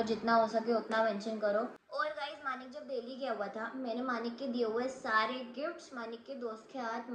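Young woman vlogger, high voice, roomy echo, faint background hum. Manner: soft and subdued while recounting, sharp when arguing. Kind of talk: casual vlog storytelling. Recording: echoey room with faint ambience.

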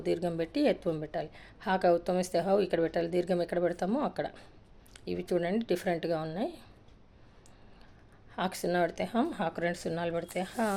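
Fast-reciting woman teacher, low gravelly voice. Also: darkish tone. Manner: rapid sing-song drill recitation with brief asides. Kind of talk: reciting a Telugu alphabet lesson.

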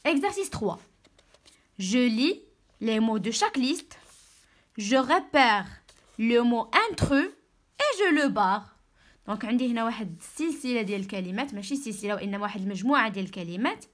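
A woman with a Moroccan accent giving an online French reading lesson, slowly spelling out sounds and explaining in Darija. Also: on the high side, animated. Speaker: French teacher.

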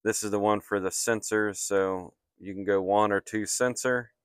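This HVAC technician explains a repair step by step, plainly, while working on a flat commercial rooftop, filmed on a handheld phone. He speaks at normal speed with a low, clear, resonant voice and fairly even intonation, and the recording is dry and studio quality.

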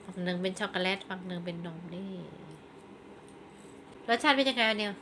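A woman's voice: mid-range voice, a little fast, bright, forceful tone. A woman casually chatting with young children as she hosts a tasting, playfully prompting them with questions, exclamations and little sing-song fanfares. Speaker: host guiding children through a candy tasting. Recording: clear background noise.

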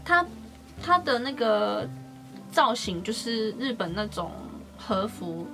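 A young woman speaks in a bright, fairly high register. She talks in an upbeat, casual way and doubles words for emphasis. Music plays clearly behind her. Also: big pitch swings, takes it slowly. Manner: chatty and upbeat, often stresses words by doubling them. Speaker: beauty and shopping vlogger. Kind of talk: casual haul vlog chat.

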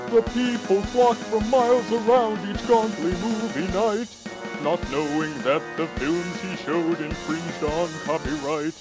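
A singer delivers a comic narrative ballad in rhyme. The pace is slow and measured. Loud guitar music plays throughout. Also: medium pitch, poor audio.

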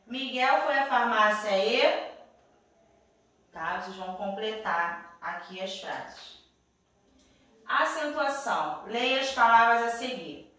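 A woman's voice: fairly high pitch, pushed and bright, far from the mic. Patient Brazilian woman teacher, echoey room. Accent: Brazilian Portuguese. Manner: patient, checks in with "tá?" after each step; refers to herself as "[name]". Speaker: primary school teacher. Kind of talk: reading out a worksheet to young pupils.

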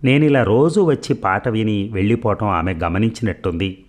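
A man with a very low, deep voice tells a scripted story in the first person. His delivery is measured and reflective.

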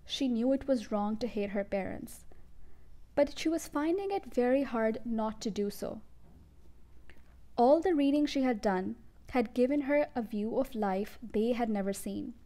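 A woman reading a children's book aloud in a steady, clear storytelling manner. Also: fairly high pitch, measured pace.

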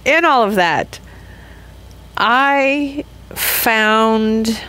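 A woman's voice: a little high, very slow, pushed and bright, smooth. A woman in her fifties hosting her own podcast in a loose, candid solo chat that rambles with frequent laughs and restarts. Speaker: podcast host.

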